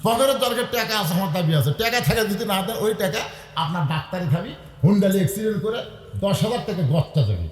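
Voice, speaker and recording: A middle-aged man with a high voice delivers a waz sermon at a quick pace, and the rough recording has a roomy sound with a long reverb tail. He's lively, calling on the crowd to answer and raise their hands, appealing for donations and blessing each gift.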